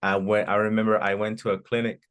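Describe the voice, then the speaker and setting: A man's voice: fairly low pitch, level tone, quick pace, smooth. A man from the United States teaching an English class, asking students questions and repeating their answers back in an encouraging way. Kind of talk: online class Q&A.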